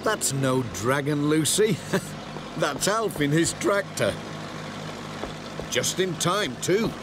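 A man voicing a kindly, cheerful village postman in a children's animated series, friendly, reassuring and expressive. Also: a little high, takes it slowly, background noise. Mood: friendly, helpful.

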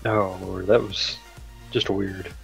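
A man's voice: low-pitched, level tone, slow, gravelly, over music. A man chatting casually as a guest on a gaming stream, rambling with lots of fillers and laughing often. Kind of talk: casual chat.

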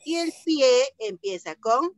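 A woman teaching young children an online lesson, sounding out syllables in a slow sing-song way, heard through a computer mic on a video call. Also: high-pitched, lively intonation, no room sound.

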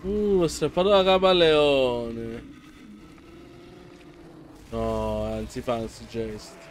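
A man hosting a let's play, commenting excitably and yelling and pleading at the boss. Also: medium pitch, slow, a little hiss or hum. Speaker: gameplay channel host.

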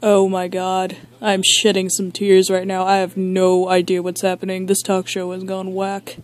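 A girl voicing a boastful, deadpan dad toy who hosts a chaotic talk show in an amateur toy skit. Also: mid-range voice, lightly acted. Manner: slow, boastful, deadpan rambling. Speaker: talk show host figure.

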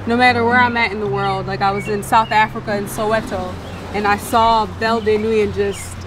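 A woman's voice: medium pitch, fairly even intonation, fairly quick, music in the background. A woman in her thirties from Philadelphia, a research scientist, speaking reflectively about family and food. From Philadelphia, USA. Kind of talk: documentary interview.

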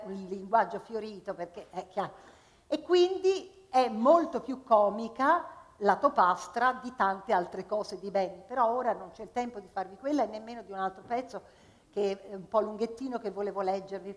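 A woman performer speaking to a live audience, introducing and reciting comic poems with pauses and restarts. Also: mid-range voice. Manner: chatty and unhurried between pieces, with pauses and restarts. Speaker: actress performing at a festival. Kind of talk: live stage talk and poetry recital. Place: stage in a hall before an audience. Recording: live hall with long reverb.

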